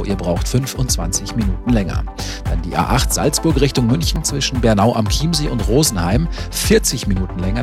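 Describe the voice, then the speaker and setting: A man giving a radio traffic report, briskly and friendly listing traffic jams. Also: on the low side. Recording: radio broadcast with music bed.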